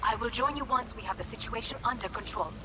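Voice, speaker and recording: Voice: mid-range voice, fast, natural voice. An actor voicing a composed, cautious ally who gives mission instructions formally in a video game. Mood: serious, cautious. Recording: distant game audio over music.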